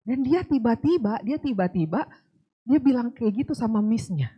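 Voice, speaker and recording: A woman's voice: a little high, animated, moderate pace, slightly rough, dull audio. A woman from Padang giving a casual sermon to a congregation, telling stories in a chatty way. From Padang, West Sumatra. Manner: chatty storytelling, acts out quotes. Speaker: preacher. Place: church service.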